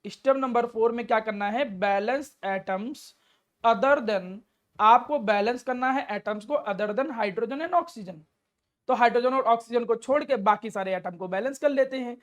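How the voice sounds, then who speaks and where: A woman's voice: fairly high pitch, normal speed. A woman teaching a chemistry lesson step by step, asking and answering her own questions and affectionately addressing the student. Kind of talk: classroom lecture.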